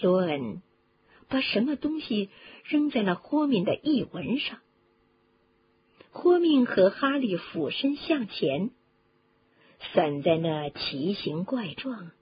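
Woman reading a story slow and dramatic, voice swoops all over, kinda dull lo-fi sound. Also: a little hiss or hum. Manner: lively, dramatic reading that drops low for suspense. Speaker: audiobook reader. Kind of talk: expressive storybook narration.

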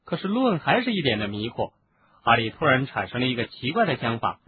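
A man narrating an audiobook in an expressive storytelling manner. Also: medium pitch, fast talker. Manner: expressive, doing voices for each character. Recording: narrow phone-like sound, faint hiss.

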